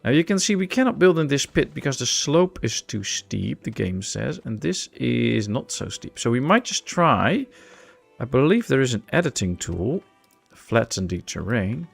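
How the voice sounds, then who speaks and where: A man's voice: medium pitch, big pitch swings, normal speed, gravelly, husky, soft background music. A man hosting a let's play, casually commentating his gameplay and thinking aloud as he plans each step.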